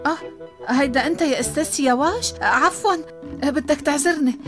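A woman's voice: high-pitched, fast talker, music in the background, lightly acted. An actress playing an anxious mother fearing bad news, in Lebanese Arabic. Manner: anxious, questioning. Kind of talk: dubbed TV drama.

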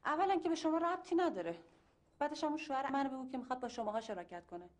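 A touchy proud wife, high voice, snapping back. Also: female voice, expressive, darkish tone. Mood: indignant. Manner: indignant, defensive. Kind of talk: TV drama acting.

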